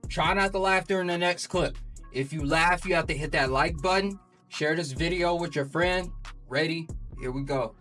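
A man's voice: on the high side, normal speed, bright, forceful tone, far from the mic, faint music behind. A young man giving casual, slangy reaction commentary, incredulous and breaking into shocked laughter. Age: young adult. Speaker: host of prank reaction videos. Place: small indoor room.

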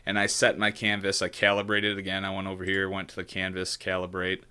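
Low, bright-toned man walking through a tutorial. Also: completely flat delivery, a little fast, clean tone. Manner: loose, thinking aloud with frequent "right?" and restarts. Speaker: maker demonstrating 3D modeling. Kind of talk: casual screen-share tutorial. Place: small room at home, indoors.

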